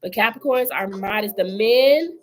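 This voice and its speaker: A woman's voice: mid-range voice, normal speed, low-quality recording. A woman giving a live-streamed tarot reading, chatty and familiar, calling the viewer girl and honey. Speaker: tarot reader.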